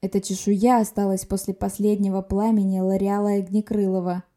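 Brief: a woman doing a young dragon prince in human guise, measured, growling, dark and mellow. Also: mid-range voice, little pitch movement, natural voice. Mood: restrained anger. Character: proud young male dragon in human form, simmering.

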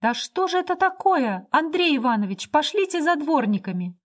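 A hot-tempered young woman flares up in high, agitated bursts, voiced by a woman reading aloud. She sounds proud and indignant. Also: animated, moderate pace. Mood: alarmed. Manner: shrill, agitated outbursts.

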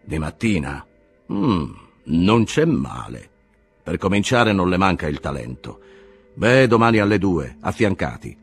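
A man's voice: low-pitched, sing-song, unhurried, breathy edge, soft background music, full character voice. A man voicing a jovial older sanatorium director who banters in a brusque, joking way. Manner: bantering, brusque, full of jokes.

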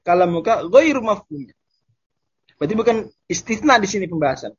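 A man teaching Arabic grammar in a casual online lesson, explaining terms and repeating Arabic examples slowly. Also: high voice, sing-song, breathy edge, muffled recording.

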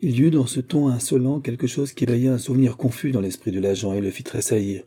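A man reading a novel aloud as an audiobook, in steady, measured narration. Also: medium pitch, slightly rough. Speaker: audiobook reader. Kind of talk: scripted narration.

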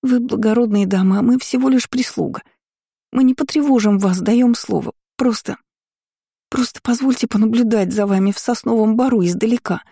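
A narrator voicing a timid young female maid who begs earnestly in a raised, higher voice in an audiobook. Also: moderate pace, vocal fry, warm tone, breathy edge, no room sound, clean studio sound. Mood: pleading. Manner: earnest, begging.

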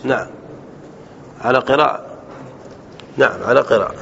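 A sheikh teaching a grammar lesson, explaining slowly and deliberately, repeating points and correcting himself as he goes. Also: medium pitch, gravelly, a bit bright. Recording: dull lo-fi recording with faint background noise.

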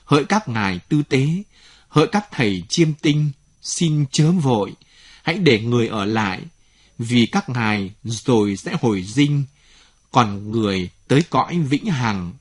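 A man's voice: medium pitch, animated, measured pace, slightly rough. A man voicing a grieving queen who wails her lament, in a storybook reading. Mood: wailing grief. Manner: wailing lament.

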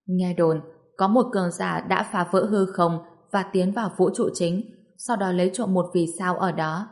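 A man's voice: sits high, fairly even intonation, normal speed. Woman reading as a kindly older clan elder.

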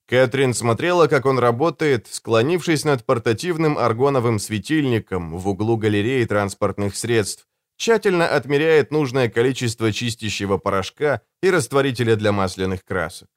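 Brief: male audiobook narrator, mid-pitched, with a very lively, animated delivery and a dry close studio sound. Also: moderate pace, dry recording. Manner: expressive, dramatic storytelling. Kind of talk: scripted narration.

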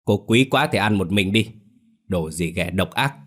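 Brief: scornful domineering old grandmother in an audio story, read by a man, low voice. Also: animated, normal speed. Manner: mocking, scolding. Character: sharp-tongued elderly grandmother, scornful and domineering.

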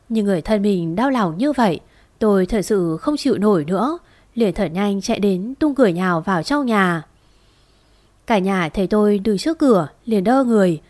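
A woman's voice: medium pitch, no room sound. Woman telling a ghost story. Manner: lively, conversational telling. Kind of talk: first-person narration of a ghost story.

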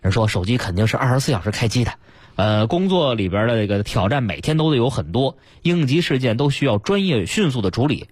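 Male radio host, husky, lively pitch, casual storytelling chat. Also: fast, no room sound. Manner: chatty, retells news stories with lots of fillers. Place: radio studio.

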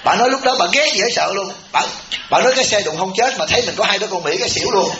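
Storytelling Southern Vietnamese monk. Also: male voice, high-pitched, very fast. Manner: chatty storytelling, animated when quoting others. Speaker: Buddhist monk, abbot. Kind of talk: humorous dharma talk to a retreat audience. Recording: roomy, dull, noisy temple hall recording.

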